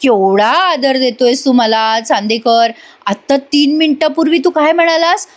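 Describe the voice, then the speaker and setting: A woman voicing a teasing, sarcastic young woman who mocks slowly and draws out her words. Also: high-pitched, lightly acted. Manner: mocking, drawn-out teasing.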